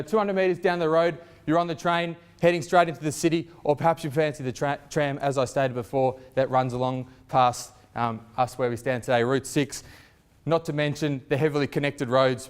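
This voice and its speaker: Clear, higher-voiced Australian male auctioneer. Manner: declamatory auctioneer projection to a gathered crowd. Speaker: novice auctioneer in a competition. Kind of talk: auctioneer address, formal property pitch and bid calling.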